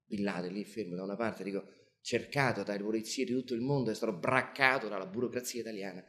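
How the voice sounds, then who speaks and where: A man telling a comic theatrical monologue in a deadpan way, filled with repeated "I say" lines. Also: lowish voice. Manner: rapid, repetitive "I say" storytelling, deadpan. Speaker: storyteller.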